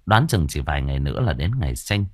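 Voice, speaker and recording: A man's voice: extremely low pitch, big pitch swings, fast talker, dry recording. A man narrating a comic story as an audiobook reader, close to the mic.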